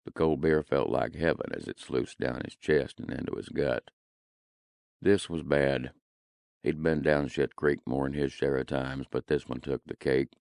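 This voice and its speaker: A man narrating an audiobook in a gritty, deadpan way, recorded close in a studio. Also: extremely low pitch, creaky, no echo.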